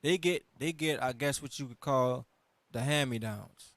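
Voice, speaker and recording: A man's voice: mid-range voice, measured pace, a bit bright, no echo. A man hosting a casual news commentary, explaining and restating things in colloquial terms. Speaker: panel host directing the reader.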